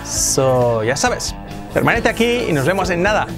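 A young man from Spain with a Spanish accent, hosting an energetic online English pronunciation lesson and repeating words to model them. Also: fairly high pitch, moderate pace, over music. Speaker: English pronunciation teacher, channel host.

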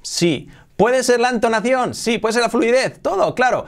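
A young man from Spain, speaking Spanish with a Spanish accent, gives an English lesson in a bilingual video. His voice is very high-pitched and energetic, and he says English phrases slowly before repeating them fast.

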